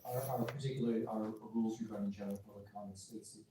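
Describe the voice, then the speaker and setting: A man on a town council, formally citing the rules on public comment in a measured way. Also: on the low side, level tone. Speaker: council member. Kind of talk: formal remarks at a meeting. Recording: echoey room, distant mic, clear noise.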